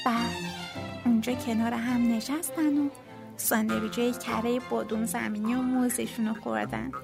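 A woman's voice: on the high side, gravelly, music in the background. Woman reading a children's story aloud. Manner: expressive, lively storytelling voice.

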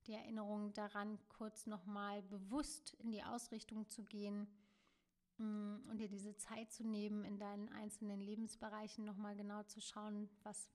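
Woman, podcast host, solo monologue, gentle, searching, mid-pitched, soft trailing phrases.

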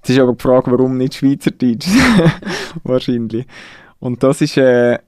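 Swiss man, musician guest, warm mellow tone, hesitant, reflective, dry studio sound. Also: mid-range voice, fairly even intonation, unhurried, clean tone, no room sound. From Nidwalden, Switzerland. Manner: reflective, hesitant, restarts sentences. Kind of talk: casual interview.

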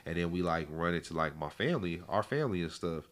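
A man in his late twenties, a guest on a casual podcast, chats in a laid-back, rambling way full of slang and fillers. His voice is low and fast, with lively intonation.

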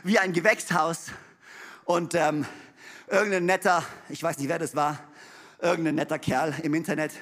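A male pastor preaching a sermon. He speaks emphatically, building to loud repeated refrains, with playful asides and laughs. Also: a little high, fairly even intonation, normal speed, pauses often.

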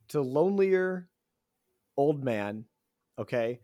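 A young man co-hosting a casual podcast, talking fast and excitedly and saying dude a lot. His voice sits in an ordinary middle range. The sound is close and dry. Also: mid-range voice, dry recording, dull audio. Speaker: podcast co-host. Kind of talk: casual chat.

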